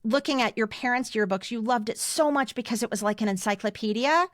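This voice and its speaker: A woman in her fifties from the United States, with an American accent, co-hosts a podcast and tells personal stories in a casual, emphatic way. Her voice sits on the high side and moves a little fast, with studio-quality sound and no room echo.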